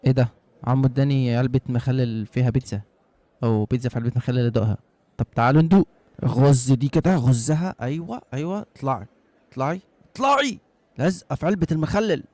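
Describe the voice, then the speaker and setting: A man's voice: mid-range voice, fast, mellow, no echo. A man with an Egyptian Arabic accent giving jokey, playful commentary for a food vlog, slipping into mock-formal asides. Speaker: vlogger.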